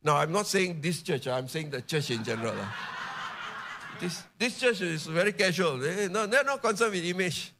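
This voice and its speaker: A man preaching a charismatic sermon to his congregation, building to emphatic shouts and dropping into chatty asides. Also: fairly high pitch, animated, moderate pace, slight background noise. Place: church service.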